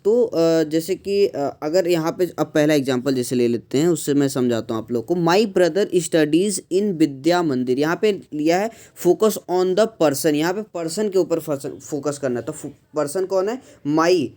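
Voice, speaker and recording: A man explains an English lesson step by step, pausing often and mixing English phrases into his speech. His voice sits a little high but sounds mellow and relaxed. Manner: mixes English phrases into Hindi, slows to model sentence stress; frequent pauses with "uh" and "thik hai". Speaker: English teacher.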